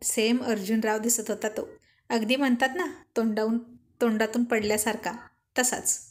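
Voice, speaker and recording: A woman's voice: fairly high pitch, fairly even intonation, normal speed. A woman narrating a serialized romantic family story in a homely storytelling manner.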